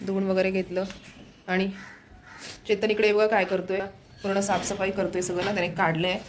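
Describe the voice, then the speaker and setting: A woman's voice: medium pitch, flat delivery, normal speed, a little hiss or hum. A woman chatting casually through a family home vlog, keeping her viewers pointed at what she is doing. She films with a handheld phone camera while moving around the house. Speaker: family vlogger. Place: home, indoors.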